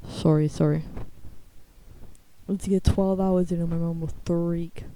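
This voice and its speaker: Dark-voiced young woman talking through retainers. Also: fairly even intonation, a little slow, slight background noise. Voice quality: slightly lisping speech from wearing dental retainers. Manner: blunt, slangy, flippant. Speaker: video creator. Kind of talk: casual rambling monologue. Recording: low-quality muffled microphone.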